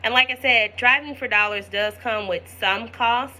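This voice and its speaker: A woman's voice: fairly high pitch, normal speed, sharp tone. A woman, teaching real estate wholesaling in a chatty, folksy tutorial vlog with asides to her viewers.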